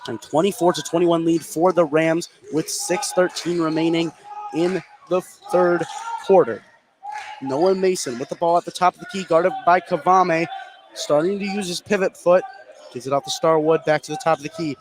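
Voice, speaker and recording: With a fairly high, steady voice at normal speed, a male announcer calls a basketball game as it happens, using clipped present-tense phrases. The recording is rough, and gym ambience is clearly heard behind him.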